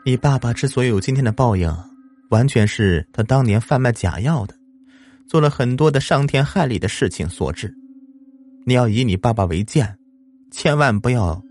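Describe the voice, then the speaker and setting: A man voicing a gentle elderly woman doctor who soothes and lectures softly in an audio story. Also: medium pitch, pitched above the performer's own voice, natural voice. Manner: soft, soothing, drawn-out lecturing.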